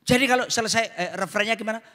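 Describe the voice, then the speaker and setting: A male pastor preaching a dramatic, playful sermon, swinging from loud bursts to hushed asides, in a church auditorium. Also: high voice, very fast. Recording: echoey hall with faint music.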